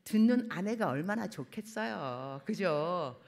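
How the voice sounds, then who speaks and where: A middle-aged woman missionary preaching a sermon in a church, acting out quoted family talk in lively voices. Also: lowish voice, a little slow. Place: church sanctuary.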